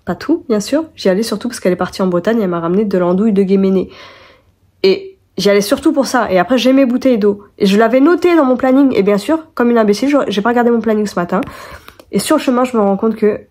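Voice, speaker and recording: A woman's voice: medium pitch, fast, dark tone. A young woman vlogging casually to her phone camera, candid and rambling, full of fillers and restarts. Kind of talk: casual vlog chat to camera. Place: walking around town, outdoors and at home.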